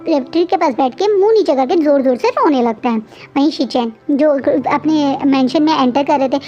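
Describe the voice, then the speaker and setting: A woman's voice: high voice, a little mellow, dull audio. A woman casually retelling a fan fiction story, chatty and restarting her sentences often. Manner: chatty, frequent restarts and fillers.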